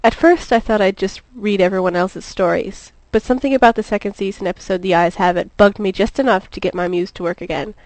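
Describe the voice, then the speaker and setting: A woman reading her own fan fiction aloud, with relaxed, chatty asides as the author. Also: medium pitch, fast talker, hardly any pauses, no room sound, rough recording.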